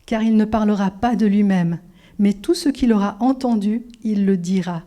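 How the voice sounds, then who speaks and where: A middle-aged woman preaching a sermon and telling a personal testimony, animated, now hushed, now exclaiming. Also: medium pitch, normal speed. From Switzerland. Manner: animated storytelling, drops to whispers and rises to exclamations. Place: church.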